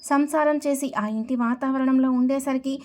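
A woman narrating a serial family story in a steady, even storytelling manner. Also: sits high, moderate pace.

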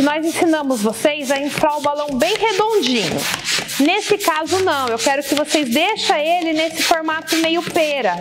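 A woman in her thirties with a Brazilian accent, chatting through a hands-on demonstration as a tutorial host and often checking in with viewers. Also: sits high. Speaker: balloon decoration tutorial host. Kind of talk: casual instructional demonstration to camera. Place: indoor studio set with balloon wall and table.

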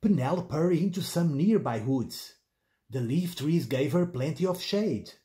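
Casting: a children's story narrator, unhurried and animated, with a mellow tone. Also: mid-range voice. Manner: slow, expressive read-aloud.

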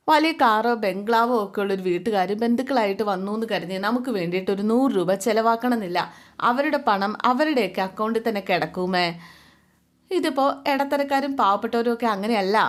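A woman's voice: mid-range voice, natural voice. A woman voicing an earnest young woman who explains her view to her mother at length.

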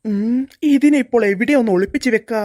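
A woman's voice: fairly high pitch, a little fast, dark tone, a little hiss or hum, natural voice. A woman voicing a sneaky middle-aged male school security guard in a cartoon, muttering fondly to his snack and fretting about the principal. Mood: fretful. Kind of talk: cartoon voice acting.

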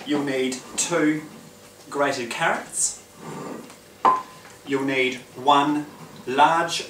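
A man's voice: mid-range voice, fairly bright tone, slight background noise, lightly acted. Man playing a genteel lady cooking hostess, roomy kitchen. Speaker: cooking show host. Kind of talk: cooking demonstration. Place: indoor home kitchen. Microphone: distant camera microphone. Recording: roomy kitchen, distant mic, clattering dishes.

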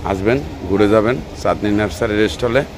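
A man's voice: fairly low pitch, fairly even intonation, brisk, noisy background. A man hosting a gardening channel, walking through plant stalls outdoors and promoting them in a repetitive, upbeat patter. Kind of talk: promotional walkthrough at a tree fair.

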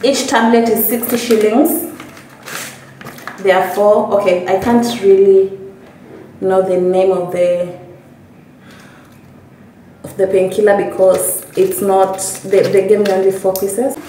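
A young woman from Kenya chatting to camera in a casual vlog, animated and laughing often, filmed on a phone camera set at a distance. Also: mid-range voice, slow, long pauses, slight background noise. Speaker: vlogger. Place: small indoor room, then outdoors by a pool. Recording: echoey room, voice from off-mic, music behind.

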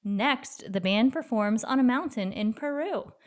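A woman reading a children's picture book aloud as a storyteller, in an expressive, deliberate way. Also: a little high.

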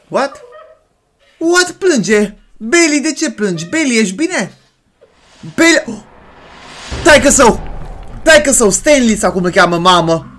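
A man hosting a reaction video, giving casual, excitable commentary with jokes and exclamations. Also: sits high.

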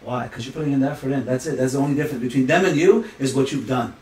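Male podcast guest, mid pitch, quick and preachy, roomy off-mic sound. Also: a little mellow, recorded from a distance. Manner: preachy, emphatic, uses sayings and analogies. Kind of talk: motivational talk.

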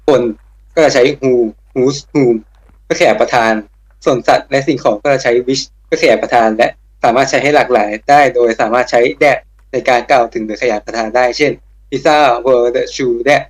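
Young man, mid-pitched voice, student presenter, steady explanatory delivery. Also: rough recording. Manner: steady, explanatory, reads example sentences slowly. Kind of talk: class presentation on grammar.

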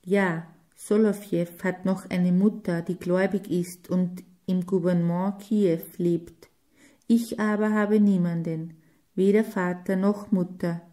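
A woman's voice: lowish voice, fairly even intonation, unhurried, mellow, lightly acted. Woman reading as an earnest orphaned man.

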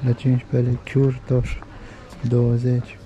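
Here a man gives relaxed walking-tour commentary in an old town's pedestrian streets, pointing out sights, food and what things cost. His mid-range voice is warm but delivered completely flat. Street noise fills the lo-fi outdoor audio.

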